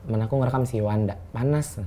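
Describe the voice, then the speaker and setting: A woman hosting a talk show in casual, joking chat, animated and teasing, often acting out quoted dialogue. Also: rumbling low, very fast, a little hiss or hum. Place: studio.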